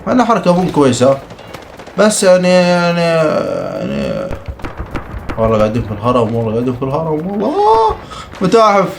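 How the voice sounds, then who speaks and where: A young man giving excitable, teasing live commentary while playing a shooter game. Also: fairly high pitch, very fast, slight background noise. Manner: excitable, teasing, mutters complaints. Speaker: gaming streamer. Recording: game audio with gunfire behind.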